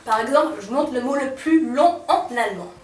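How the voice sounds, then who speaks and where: A woman's voice: high voice, expressive, a little fast. A teenage girl from France talking in a sarcastic, playful, slangy comic vlog monologue. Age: teens. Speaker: vlogger. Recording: roomy, from a distance.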